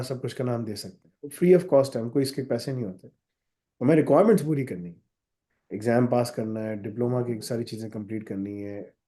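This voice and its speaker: A man's voice: medium pitch, dark tone. A man with a sore throat, answering student questions in a live session in a direct, instructive way. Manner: direct, switches to English for emphasis. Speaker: college founder answering questions.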